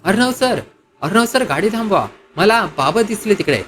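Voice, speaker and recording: A man's voice: fairly high pitch, lively intonation, fairly quick, fairly bright tone, a little hiss or hum. A man doing a pushy, pleading young woman. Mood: urgent, pleading. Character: headstrong young woman, urgent and blunt.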